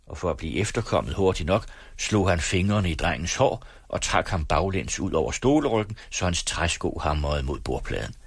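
A man reading a novel aloud on radio with a measured, dramatic delivery. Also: sits low, lively intonation, creaky, breathy edge, no room sound, studio quality. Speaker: radio reader.

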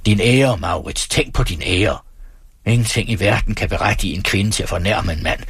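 Man voicing a gruff, mocking old squire. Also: lowish voice, fairly bright tone, dry recording, studio quality, full character voice. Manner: mocking, stern. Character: gruff, teasing older male landowner.

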